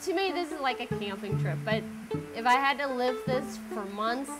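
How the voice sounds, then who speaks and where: Woman chatting in an interview, fairly high voice, loud string music behind her. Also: animated, normal speed. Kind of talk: informal interview remarks.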